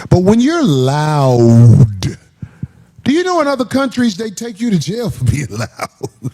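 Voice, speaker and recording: A man hosts a loose comedy panel, talking in a high, lively voice with big swings. He takes his time and drags words out for effect. His talk is profane and animated. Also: slow, pauses often. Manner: animated, profane, slips into put-on shouts. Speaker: host.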